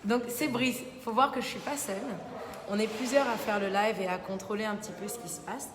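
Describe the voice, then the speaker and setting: Hosting a casual live Q&A, a young adult woman TV columnist reads viewer comments aloud, chatting loosely and often dropping in the same little interjections. Her mid-range voice runs a little fast. Faint background noise sits beneath a roomy studio reverb.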